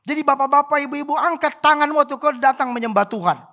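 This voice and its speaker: A pastor preaching a sermon at a church service, swinging from soft, quiet remarks to loud exclamations and acting out prayers and cries. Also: sits high, fast talker. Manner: animated, acts out prayers and cries.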